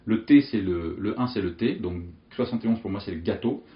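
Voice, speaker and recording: A man teaching memory techniques in an animated, jokey way, telling vivid picture stories. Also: on the low side, a little fast, reverberant, highs cut off. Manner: lively, animated, jokey storytelling with vivid images. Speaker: memory coach. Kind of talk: explanatory teaching monologue.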